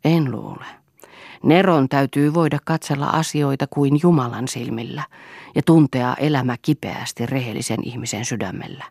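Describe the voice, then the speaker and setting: A woman's voice: extremely low pitch, gravelly, darkish tone, no room sound, clean studio sound, full character voice. A woman voicing a firm, cool-headed wife in an audiobook, speaking earnestly and with a moralizing tone. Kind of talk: audiobook character reading.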